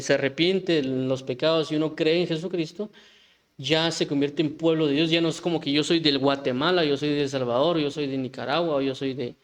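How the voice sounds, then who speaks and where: Man preaching, fairly high voice. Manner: conversational, many restarts and rhetorical questions. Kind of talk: informal sermon teaching.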